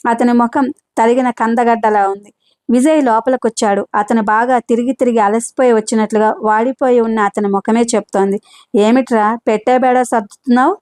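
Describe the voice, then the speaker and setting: A woman narrating a novel aloud in a steady, measured storytelling manner. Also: on the high side, no echo. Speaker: audiobook narrator. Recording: dry close voice-over.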